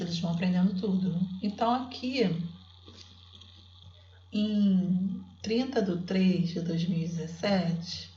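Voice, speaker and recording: A woman teacher patiently explaining how she guides young children to write, sounding out syllables slowly. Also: mid-range voice, warm tone, reverberant, muffled recording, slight background noise. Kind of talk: explaining classroom literacy work.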